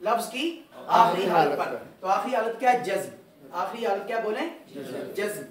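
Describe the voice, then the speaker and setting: Brief: high-pitched male teacher, patient and repetitive, recorded far off in a roomy mosque hall. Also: lively intonation, moderate pace. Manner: patient, repeats and quizzes students. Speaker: religious teacher. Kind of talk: Quran recitation lesson. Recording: echoey hall, far from mic.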